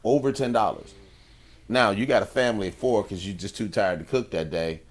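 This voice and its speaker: A man co-hosting a casual podcast who talks in a relaxed, colloquial way and repeats phrases for emphasis. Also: fairly low pitch, fairly quick. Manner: affirming, with lots of "yeah" and "mm", repeating his own phrases for effect. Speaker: podcast co-host.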